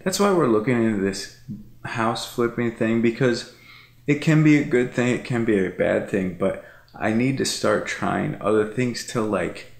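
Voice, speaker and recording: This man's medium-pitched voice carries vocal fry at a moderate pace, in a reverberant space. He's a vlogger in his thirties sitting on his living room couch at night, chatting casually and rambling with repetition and many fillers.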